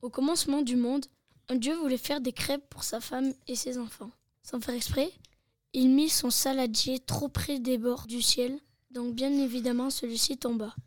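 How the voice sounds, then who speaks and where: A woman narrating a storybook tale in a slow, careful reading. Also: high-pitched, fairly even intonation, no echo.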